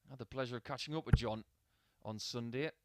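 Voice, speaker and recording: Male sports commentator, mid-pitched, casual storytelling between throws, dry studio-like sound. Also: quick pace, darkish tone, dry recording. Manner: chatty, anecdotal, mixing stats with asides. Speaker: darts commentator.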